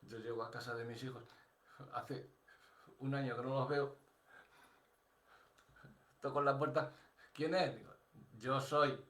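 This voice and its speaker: A man's voice: medium pitch, fairly even intonation, measured pace, pauses often, fairly bright tone, roomy sound. An older man with a Spain Spanish accent preaching a sermon as pastor, conversational, thinking aloud with restarts and asides.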